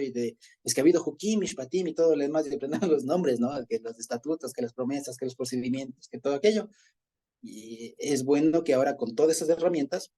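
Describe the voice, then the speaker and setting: A man with an Ecuadorian accent leads a relaxed Bible study, talking through his points in an easy, conversational way and often breaking into chuckles. His voice is mellow and slightly husky, in a middle pitch. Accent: Ecuadorian Spanish. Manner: conversational, chuckles often, frequent "¿ya?" check-ins. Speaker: Bible teacher. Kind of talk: informal Bible study teaching.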